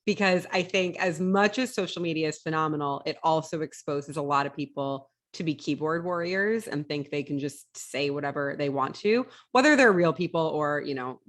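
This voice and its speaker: A woman hosting an interview podcast, enthusiastic and quick to laugh in casual chat. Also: low voice. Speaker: podcast host.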